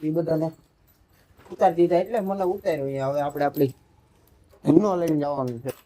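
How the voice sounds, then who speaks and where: A man's voice: a little high, a little fast, mellow. A man films a casual vlog on his phone outdoors. He coaxes a small child in a teasing, sing-song voice, then chats to his viewers in a friendly way. Faint traffic noise sits behind him. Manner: playful, sing-song baby talk to the child, then chatty sign-off to viewers. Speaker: vlogger.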